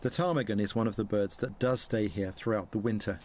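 A middle-aged man with an English accent explains wilderness skills in a measured, friendly way. He is recorded outdoors in a snowy forest on a clip-on mic, with faint ambient noise underneath his voice. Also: on the low side. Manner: calm, explanatory, enthusiastic about nature. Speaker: wilderness presenter. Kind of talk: documentary narration and outdoor explanation.

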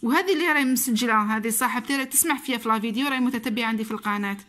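A woman's voice: fairly high pitch, racing, fairly bright tone. A woman with an Algerian Arabic accent chatting casually to camera in a vlog, repeating phrases for emphasis. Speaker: vlogger.

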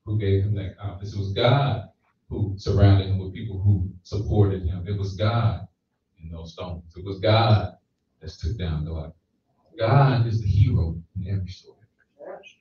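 Holding a handheld mic in a small church hall, a man in his thirties preaches in a lowish voice and keeps checking in with "right?" in a conversational way. The recording sounds distant, echoey and a bit dull, with a little hiss or hum.

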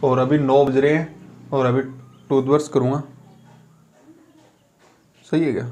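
A man's voice: medium pitch, little pitch movement, unhurried, a little mellow. A young man from Rajasthan vlogging casually, rambling to his viewers, filmed on a phone at home and in a shop. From Rajasthan, India. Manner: chatty and rambling, addresses viewers as guys. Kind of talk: casual vlog chat. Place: home courtyard, then a clothing shop. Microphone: phone camera, no earphone mic.

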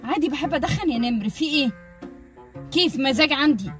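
A woman's voice: high voice, lively intonation, a bit bright, soft background music. A young woman with an Egyptian Arabic accent, chatting casually in a vlog and arguing back boldly. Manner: rapid, bold and argumentative. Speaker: vlogger wife. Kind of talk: casual prank vlog chat.

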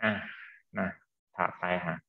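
Fields: sex: man. Role: English teacher. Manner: patient, drawn-out. Sound: dull lo-fi line. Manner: patient, drawn-out explaining, calls students "child". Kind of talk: online class, quizzing students.

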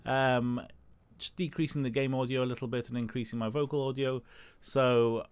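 A man hosting a gaming channel, chatting casually over gameplay in a hesitant, filler-heavy way, as if thinking out loud. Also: mid-range voice, level tone, normal speed, clear, resonant tone, dry recording.

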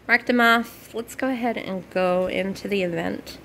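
A woman's voice: mid-range voice, normal speed, vocal fry, bright, forceful tone, slight background noise. A woman hosting a casual gameplay video, gushing and bubbly, with lots of "like" as she talks. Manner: bubbly, gushing, heavy use of "like". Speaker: gaming video host.

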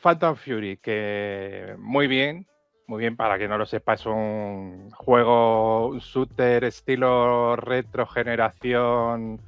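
A man's voice: medium pitch, steady tone, takes it slowly, smooth, no echo, soft background music. A man co-hosting a casual gaming podcast over a lo-fi headset mic on a remote call, rambling as he searches aloud for names. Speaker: podcast co-host. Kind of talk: casual chat about video games.

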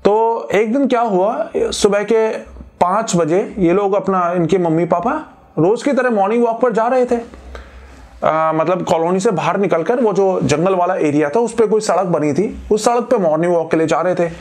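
A man's voice: high-pitched, moderate pace, darkish tone. A man from India casually retelling a listener's ghost story, thinking aloud with frequent fillers and restarts. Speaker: horror story narrator. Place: Delhi.

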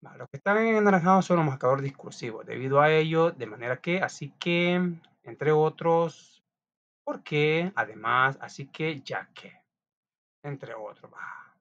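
A man's voice: fairly high pitch, lively intonation, unhurried, fairly bright tone. A man teaching a class, reading out notes in a chatty way with frequent restarts and small asides. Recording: dull lo-fi recording.

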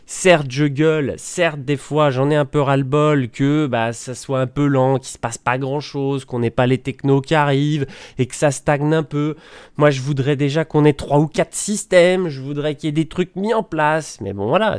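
Male gaming vlogger, chatty and colloquial, crisp dry voice. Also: on the high side, moderate pace, a little mellow, no room sound. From France. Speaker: gaming YouTuber. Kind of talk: casual news vlog. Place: countryside home.

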